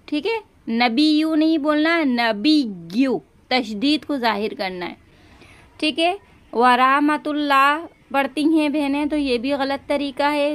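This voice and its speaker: A woman teaches a recitation lesson in a high voice. She speaks slowly and patiently and draws out each word to show how it should sound. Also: fairly bright tone. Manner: slow and patient, drawing out words to demonstrate pronunciation. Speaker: religious teacher.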